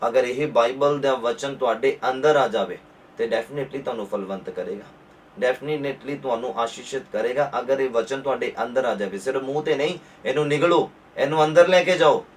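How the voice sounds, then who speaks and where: A pastor with a Punjabi accent preaching a sermon, repeating his points and rising to forceful emphasis. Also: medium pitch, fairly quick, recorded from a distance, slight background noise.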